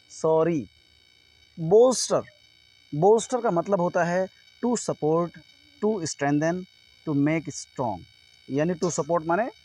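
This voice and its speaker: A young man teaching English vocabulary in Hindi, saying each word slowly several times and then explaining what it means. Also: fairly high pitch, a little mellow, poor audio.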